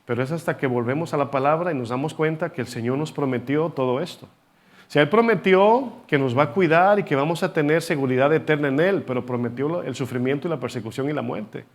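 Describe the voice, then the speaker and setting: A man's voice: fairly high pitch, fairly quick. A man preaching a sermon, teaching from scripture with rhetorical questions and having the congregation repeat words after him.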